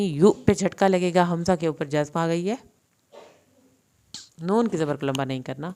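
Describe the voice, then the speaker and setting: Woman, low voice, smooth and resonant, tajweed lesson, slow recitation then quick explanation. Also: darkish tone. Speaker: Quran tajweed teacher.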